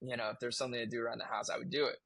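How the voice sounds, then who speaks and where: A man's voice: medium pitch, level tone, very fast, gravelly, fairly bright tone. A man in his twenties, a podcast guest, telling a personal story in casual chat, candid and swearing freely as he restarts his sentences.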